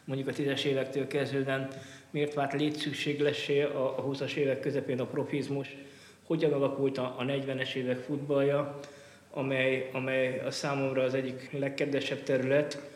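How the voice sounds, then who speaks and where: A man's voice: medium pitch, little pitch movement. A man speaking reflectively as an interview guest, in long winding sentences with some repeats. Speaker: guest, football historian and author. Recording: echoey, reverberant room with clear noise.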